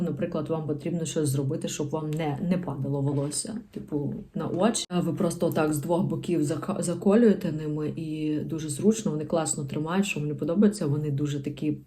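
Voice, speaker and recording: A woman's voice: on the low side, dark tone. A woman beauty vlogger in a casual show-and-tell chat to camera, chatty and rambling with slangy asides.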